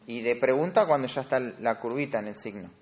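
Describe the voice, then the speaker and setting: A man's voice: medium pitch, lively intonation, fairly quick, a little hiss or hum. A man with a Rioplatense Spanish accent teaching a Bible study class on grammar, explaining step by step and quizzing his students. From Argentina. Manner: explanatory, asks the class questions.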